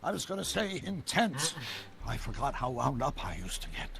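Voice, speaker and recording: An actor playing an older, excitable male scientist who rambles through long explanations. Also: mid-range voice, normal speed, vocal fry, a crowd in the background. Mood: chatty.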